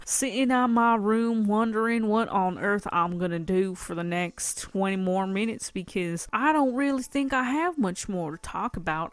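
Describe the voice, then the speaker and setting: A woman's voice: medium pitch, no echo. A tired woman hosting a solo podcast from her room, chatting casually and rambling with frequent laughs. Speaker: podcast host.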